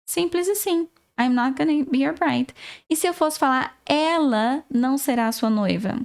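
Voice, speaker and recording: A Brazilian woman with a fairly high voice teaches an online English lesson in Portuguese-accented speech. She is patient and clear, and she breaks each point into small steps. She slows right down whenever she says an English example. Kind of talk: casual online language lesson.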